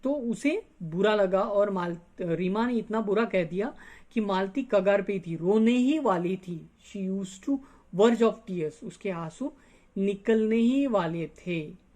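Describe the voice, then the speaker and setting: A man's voice: sits high, lively intonation, a little mellow. A male teacher, reading a story's lines aloud and explaining the words in Hindi. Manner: reads English lines slowly, then explains them in Hindi. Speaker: English teacher. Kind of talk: bilingual lesson explaining a story.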